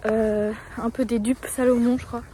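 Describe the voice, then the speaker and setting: A woman's voice: a little high, little pitch movement, moderate pace, dark tone, slight background noise. An eighteen-year-old woman vlogging in a casual, chatty way, informal and full of fillers and slang. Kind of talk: casual vlog chat.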